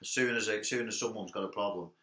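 A man's voice: fairly low pitch, fast, bright, forceful tone. A young man, a guest in a casual interview chat, easygoing with dry humour and some hesitant restarts. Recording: echoey room.

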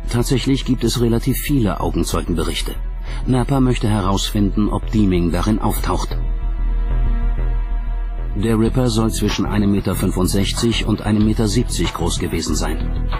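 With music running beneath, a man narrates a scripted documentary, his voice on the low side and his pace moderate.

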